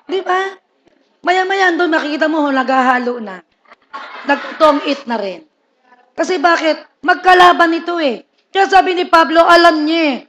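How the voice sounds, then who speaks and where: A high-voiced man preaches to his congregation. He is humorous and lively, acting out everyday people's words and asking the listeners for agreement again and again. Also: normal speed, a little hiss or hum. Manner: humorous, asks the crowd "Di ba?" often; lively, acts out people's lines. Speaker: pastor. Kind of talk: sermon.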